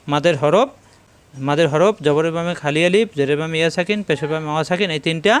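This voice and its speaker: A man with a Bangladeshi Bengali accent gives a step-by-step tajweed lesson on Quran recitation rules, patiently drilling syllables by repeating them slowly. His voice is smooth and a little high.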